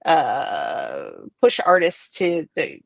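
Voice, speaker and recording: Rambling middle-aged woman, low dry voice. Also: huge pitch swings, vocal fry, no echo. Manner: rambling, many fillers and restarts, quick bursts. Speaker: art director guest. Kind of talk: casual interview chat.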